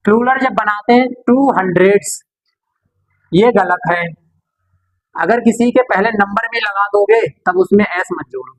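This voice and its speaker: A man's voice: sits high, a little slow, low-quality recording. A male grammar teacher gives a classroom lecture. He talks through each rule step by step, puts questions to the class and answers them himself.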